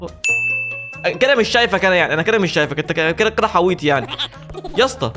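Faint music runs beneath this gaming host's rapid, racing horror let's play. His Egyptian Arabic accent and slightly high voice carry excitable jokes, and he keeps responding to the characters as he plays.

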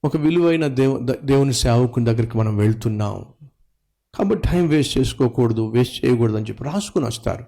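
Gravelly-voiced preaching man. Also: lively intonation, mellow. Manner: dramatic preaching with rhetorical questions and repetition; sweeping pitch swings and drawn-out stressed words. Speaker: pastor. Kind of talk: sermon.

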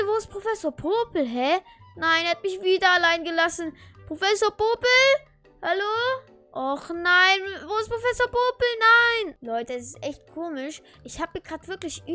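An excitable, whiny young teenage boy acted by a woman in a Minecraft role-play, high and bright. The delivery is slangy and exclamatory, with light music underneath. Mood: bewildered. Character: Snoopy, excitable, whiny thirteen-year-old boy. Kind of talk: Minecraft video role-play with asides to viewers.

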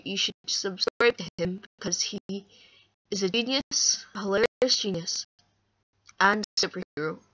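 Up close to a webcam or laptop microphone, a young woman rambles casually and mocks herself in a small, dim indoor room. The vlogger's crackly, mid-range voice sounds pushed and bright, and the recording is dry.

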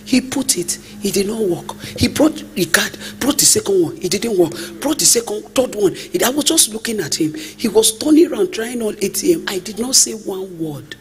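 A prophetess preaches a lively storytelling sermon over background music, acting out the people she quotes and drifting now and then into a sung cadence. Her mid-range voice moves at a moderate pace with few pauses. A little hiss or hum is audible.

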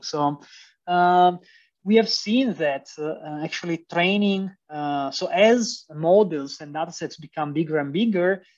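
A young man with an Italian accent, a PhD student giving a university lecture, hesitant with many fillers and restarts. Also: on the high side. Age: young adult. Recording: distant, dull lo-fi sound.

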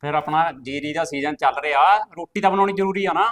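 A man playing a young husband who gently questions and calms his wife. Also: on the high side, quick pace, close to an everyday voice. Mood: placating.

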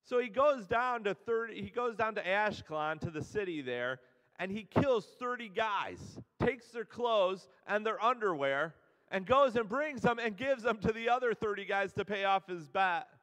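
Male pastor, high-pitched, chatty storytelling sermon, long church reverb. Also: lively intonation, normal speed, fairly bright tone. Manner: casual storytelling, paraphrasing characters in everyday speech. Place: church sanctuary.

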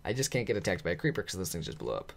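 A man narrating his video game play to viewers in an excitable, chatty way, laughing often and reacting out loud. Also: deep voice, racing, gravelly. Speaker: gaming channel host. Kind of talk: let's play commentary.

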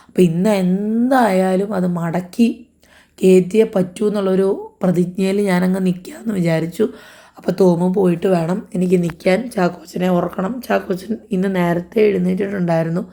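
A young woman with a hoarse voice and a blocked nose, narrating her day in a casual family vlog. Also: fairly low pitch, mellow. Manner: chatty, rambling daily-life narration. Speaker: family vlogger.

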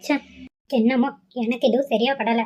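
A woman's voice: fairly high pitch, steady tone, moderate pace, a little mellow, husky, voice pushed down. A woman voicing an irritated young fiancée who complains and sulks, in a cartoon. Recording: slightly dull lo-fi audio.

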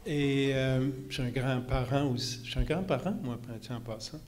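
A man's voice: medium pitch, moderate pace, a little mellow. Man in his 60s, panel speaker, handheld mic, faint hiss; rambling, hesitant, self-deprecating. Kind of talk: panel conversation. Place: conference stage.

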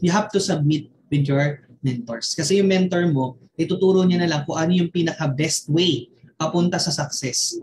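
A man's voice: on the high side, a little mellow, echoey room, slight background noise. Filipino man giving a motivational training. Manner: storytelling, constant tag questions to the audience. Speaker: network marketing mentor. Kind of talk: motivational online training talk.

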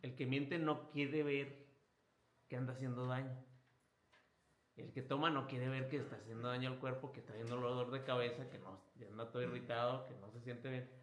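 A man giving a spiritual retreat talk as a priest, animated, acting out inner voices and chuckling at himself. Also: mid-range voice, a little fast, reverberant, a little hiss or hum.

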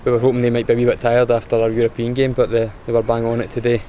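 A young Scottish footballer answers post-match questions outdoors in a matter-of-fact way, his pitch staying flat and even. Faint traffic and outdoor noise sit behind his voice. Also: racing. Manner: plain, matter-of-fact, restarts with fillers. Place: outdoors in front of a sponsor board.

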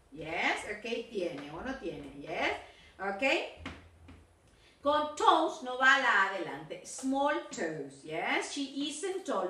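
A woman teacher in a recorded video lesson, correcting homework. She stretches out English words slowly, then switches to quick explanations. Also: high-pitched, pushed and bright. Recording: roomy sound from a distance.

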